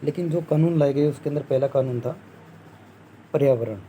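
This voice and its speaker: A young man teaches a Hindi exam-prep lesson step by step, putting questions to his students and answering them himself, often saying "theek hai" and jokingly imitating scoffing crowds. His voice is a little high, dark in tone and fairly even in intonation, and he talks fast. The audio is poor, with slight background noise.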